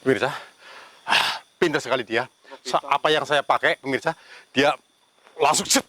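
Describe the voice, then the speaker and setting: A man's voice: medium pitch, moderate pace, bright, forceful tone. A man narrating a ghost-hunting vlog outdoors among banana trees, murmuring prayers and challenging unseen spirits. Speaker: paranormal investigator.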